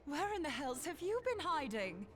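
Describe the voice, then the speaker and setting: A woman's voice: high voice, very animated, normal speed. An actress voicing a brash, teasing scholar woman in a video game, with cheeky banter and music playing behind her. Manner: cheeky, bantering, uses British slang.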